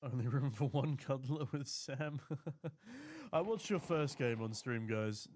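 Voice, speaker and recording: A slightly mellow mid-range voice with big pitch swings takes its time here. The speaker, a man from the UK, does solo esports commentary, calling the action and joking as he reads viewers' chat aloud.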